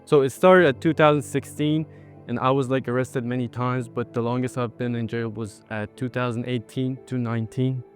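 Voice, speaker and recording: A man's voice: mid-range voice, fairly even intonation, normal speed, faint music behind. A young man from Iran, a guest in an interview, answering plainly and directly.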